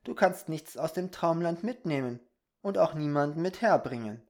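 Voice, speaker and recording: A storybook reader voicing a little female fairy who patiently explains things to a boy, in a soft and kind manner. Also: medium pitch, expressive, normal speed, pitched above the performer's own voice, lightly acted. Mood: gentle.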